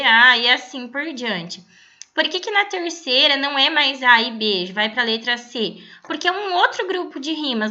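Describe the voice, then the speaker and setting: A woman teacher giving a recorded online lesson, explaining patiently and reading verses slowly aloud. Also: a little high, sharp tone, dull audio.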